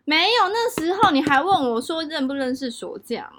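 A young woman with a Taiwanese Mandarin accent chatting casually, telling a story in an animated, exaggerated way. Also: high-pitched, normal speed, a little hiss or hum. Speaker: podcast co-host. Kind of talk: casual chat. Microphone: home test recording.

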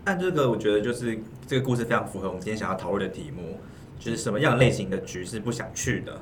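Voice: mid-range voice, animated, rapid-fire, slight background noise. A podcast co-host in casual chat, chiming in with brief reactions and quips.

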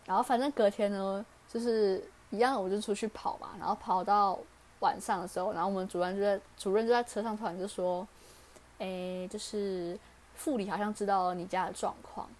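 A young woman with a Taiwanese Mandarin accent hosts a podcast and chats through a personal story at a quick clip. She talks fast and plays out the lines of the people in the story as she goes. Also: mid-range voice, steady tone, darkish tone. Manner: chatty, acts out quoted dialogue. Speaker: podcast host. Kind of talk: casual storytelling.

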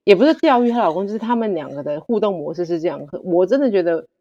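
A woman guest telling stories in casual chat, direct and animated, acting out the dialogue. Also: fairly low pitch, quick pace, long reverb tail, muffled recording.

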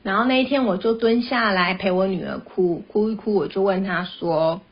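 Mom podcaster, breathy voice, gentle and chatty, kinda dull recording. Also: female voice, mid-range voice, normal speed. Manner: gentle, chatty, tells personal anecdotes. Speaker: parenting podcast host and mother. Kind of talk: casual podcast monologue. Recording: dull, slightly lo-fi sound.

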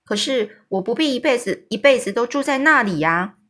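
A woman's voice: a little high, expressive, normal speed, fairly bright tone. Woman voicing a frank little orphan girl. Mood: worried. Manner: plain-spoken, earnest.

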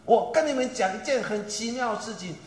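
Man, pastor, sermon, high voice, emphatic then hushed delivery, echoey church hall. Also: animated, brisk. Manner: emphatic preaching with wide swings from loud to hushed. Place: church sanctuary.

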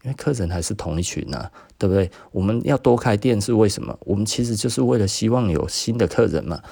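Host: Taiwanese Mandarin man in his 40s, low and warm voice, dry close sound, chatty storyteller who laughs a lot. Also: lively intonation, fast talker, vocal fry, no echo. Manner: chatty, laughs often, acts out quotes. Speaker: podcast host and business owner. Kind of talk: casual storytelling monologue.

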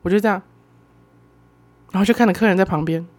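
A woman's voice: medium pitch, fast talker, a little mellow. A woman in her twenties with a Taiwanese Mandarin accent, hosting a podcast and telling stories in a casual, exclamatory, self-mocking way. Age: 20s. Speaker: podcast host. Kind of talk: casual solo storytelling.

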